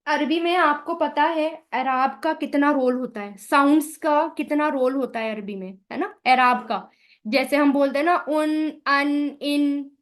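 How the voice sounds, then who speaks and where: A woman teaching Arabic grammar from the Quran. She asks questions and answers them herself, and sounds out Arabic vowel sounds slowly. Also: sits high. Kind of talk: explaining Arabic grammar in a recorded lesson.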